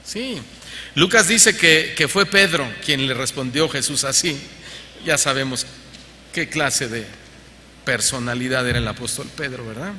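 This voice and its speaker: A man's voice: mid-range voice, unhurried, sharp tone. A man with a Mexican Spanish accent preaching a sermon to a congregation, asking them questions and mocking the voices of the people he quotes. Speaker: pastor. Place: church hall. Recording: church hall reverb, faint background noise.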